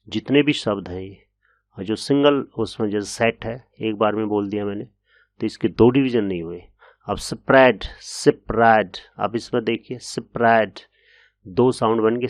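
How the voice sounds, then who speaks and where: Patient low-voiced male teacher, dry sound. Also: no echo. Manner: patient, explanatory, with frequent hesitation fillers. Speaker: English teacher. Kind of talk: classroom lesson explaining grammar.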